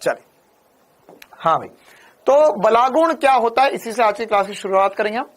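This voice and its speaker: A man's voice: high voice, expressive, normal speed. A young man teaching a physics class in a casual, chatty way, talking to students like friends. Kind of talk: casual Hindi lecture.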